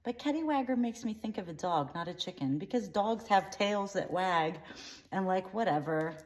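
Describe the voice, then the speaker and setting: Woman in a deadpan comic monologue, rambling, shrugging things off, mid-range voice. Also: medium pitch, normal speed. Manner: rambling, trails off with dismissive asides. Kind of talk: deadpan comedic character monologue.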